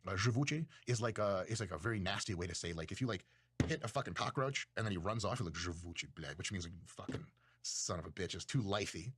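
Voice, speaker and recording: Speaking fast and animatedly in a low voice, a man from Russia rambles through a casual philosophy talk for his video channel. He is profane and pokes fun at himself, and there is background noise.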